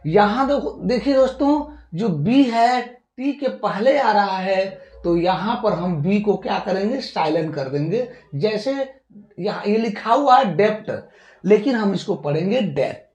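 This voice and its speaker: A woman's voice: mid-range voice, darkish tone. A woman teaching English pronunciation rules who repeats each rule and poses questions she then answers herself. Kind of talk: classroom-style pronunciation lesson. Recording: echoey room.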